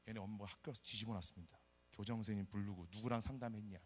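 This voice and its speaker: A middle-aged man from South Korea, a pastor preaching a sermon and telling his own story, animated and acting out the people he quotes. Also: lowish voice, rapid-fire, a little hiss or hum. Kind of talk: sermon with personal testimony.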